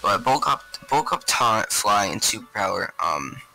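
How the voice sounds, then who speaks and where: A man's voice: fairly low pitch, very animated, unhurried, creaky, sharp tone, faint music behind, low-quality recording. A man with a congested, stuffy voice, casually explaining his competitive game team in rambling commentary full of fillers. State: congested from a cold.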